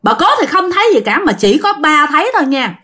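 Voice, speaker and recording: A woman tells a ghost story in a casual, chatty way, turning often to address her listeners directly. Her voice sits high and moves through a very lively range of pitch. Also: fast.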